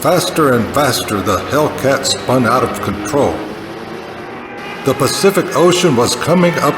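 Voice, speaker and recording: An actor playing a brooding, melodramatic war-veteran pilot hero in a 1950s sci-fi parody. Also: male voice, mid-range voice, lightly acted. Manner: overwrought, brooding, dramatic storytelling. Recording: echoey hall, clearly noisy.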